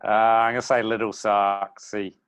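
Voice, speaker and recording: A man co-hosting a casual podcast, giving hesitant, low-key quiz answers. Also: level tone, normal speed, fairly bright tone, clean tone. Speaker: podcast co-host. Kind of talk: casual chat.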